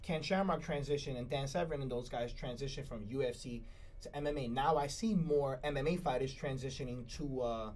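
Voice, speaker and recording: A man's voice: mid-range voice, a little fast, darkish tone. A man co-hosting a casual sports talk show, rambling, repeating his words and laughing often. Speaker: co-host. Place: studio.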